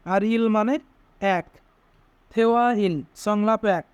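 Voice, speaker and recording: Guy teaching a language lesson sound by sound, higher voice, very dry close sound. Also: slow pace, clean tone, no room sound, muffled recording. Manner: breaks words into single sounds and repeats them. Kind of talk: slow step-by-step pronunciation lesson.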